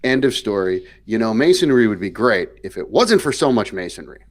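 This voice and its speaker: A man's voice: lowish voice, very animated, fairly quick. A man with a Wisconsin accent co-hosting a podcast, ranting passionately and stumbling over his words when worked up. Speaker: podcast co-host. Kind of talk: heated roundtable discussion.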